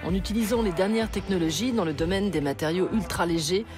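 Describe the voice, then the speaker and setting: A woman with a lowish voice reads scripted documentary narration for a culture magazine at a slightly quick pace. Her delivery carries a wry, playful touch, with music playing beneath her.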